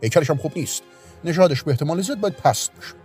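A man's voice: on the high side, expressive, a little mellow, faint music behind, lightly acted. A man voicing a pompous, fickle middle-aged police officer in a storybook reading. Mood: bossy. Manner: bossy, blustering.

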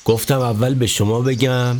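A man's voice: mid-range voice, steady tone, a little mellow, a little hiss or hum, natural voice. An actor playing a cheeky young apprentice snake catcher who teases and jokes with his master. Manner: cheeky, teasing banter.

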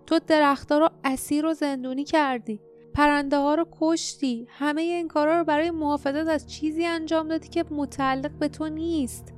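Woman voicing defiant young heroine, loud accusing shouts, raised and high, storybook. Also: steady tone, soft background music, natural voice.

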